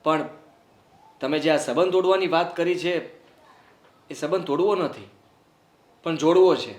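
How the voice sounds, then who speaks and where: A man's voice: fairly high pitch, measured pace, lightly acted. Guy acting as sorry grown son, sincere, apologizing, echoey room. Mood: apologetic. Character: remorseful grown son seeking to mend ties. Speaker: son of the family. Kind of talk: family drama acting. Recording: roomy echo.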